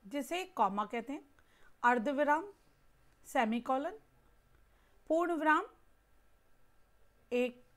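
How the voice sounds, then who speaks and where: A woman's voice: high-pitched, a bit bright. A woman teaching Hindi grammar in a lecture, explaining patiently with everyday examples. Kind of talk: classroom lecture.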